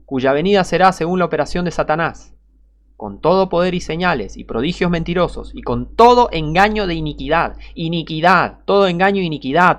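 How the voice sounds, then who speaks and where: A man preaches a combative sermon, reading Bible verses between scornful jabs. His voice sits a little high for a man. He drops into low, biting mutters and climbs back up into loud warnings.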